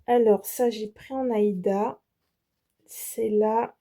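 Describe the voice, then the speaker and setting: A French woman vlogger walks through her latest craft haul at an unhurried pace. Her voice sits a bit high but has a very dark, mellow tone. She pauses often, fills gaps and restarts her sentences as she goes. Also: steady tone. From France. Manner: slow, hesitant, many fillers and restarts. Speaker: embroidery channel host. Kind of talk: casual product show-and-tell.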